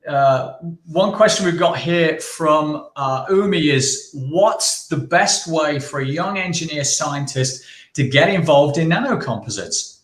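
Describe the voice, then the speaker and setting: A man's voice: on the high side, animated, a bit bright. Stammering male host in a roomy space. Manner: stammering restarts, quick acknowledgements. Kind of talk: hosting an interview. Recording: roomy echo.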